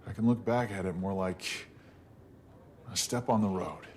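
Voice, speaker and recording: An actor playing an earnest, gentle young male warrior in a video game, halting and modest. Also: sits low, a little hiss or hum, natural voice. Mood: reflective.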